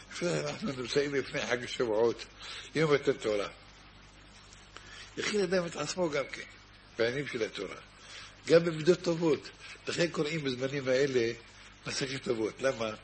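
A man giving a sermon as a rabbi, telling a story and acting out its dialogue with lively swings in voice. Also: mid-range voice, long pauses. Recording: faint background noise.

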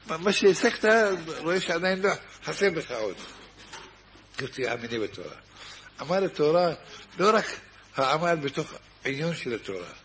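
Animated storytelling rabbi, man. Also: on the high side. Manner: animated storyteller acting out dialogue. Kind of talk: sermon with storytelling. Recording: faint background noise.

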